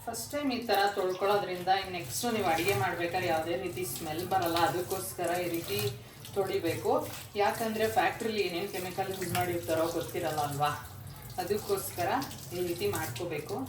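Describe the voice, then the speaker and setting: Low-voiced Kannada woman teaching in a kitchen. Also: steady tone, fast. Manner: plain, practical, instructive. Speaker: home cook demonstrating. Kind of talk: step-by-step cooking instruction. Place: home kitchen. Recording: echoey kitchen with cooking noise.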